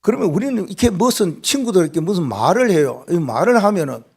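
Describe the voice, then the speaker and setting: A male pastor with a Gyeongsang accent delivers a Sunday sermon. His voice is high and swings widely in pitch. He keeps turning to the congregation with rhetorical questions. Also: big pitch swings, quick pace, vocal fry, a little mellow, husky.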